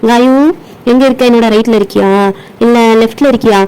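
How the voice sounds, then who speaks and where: A woman's voice: a little high, steady tone, fairly quick, dark tone, clean tone, close to an everyday voice, rough recording. A woman voicing a teasing, bossy young woman doll in a doll play story, speaking with a teasing, bossy manner.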